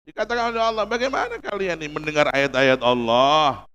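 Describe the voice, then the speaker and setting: A Javanese-accented man delivers an impassioned sermon in a big mosque, his voice forceful and smooth with a raised pitch. He swings from loud, stressed phrases to soft, hushed pleas. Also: fairly quick, lo-fi sound. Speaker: Islamic preacher. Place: large mosque.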